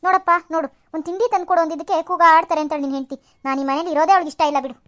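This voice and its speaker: A woman's voice: very high voice, steady tone, racing, a bit bright. A woman voicing a nagging, self-pitying old mother-in-law in a cartoon serial, scolding and complaining with heavy sighs. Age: older. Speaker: cartoon voice actor.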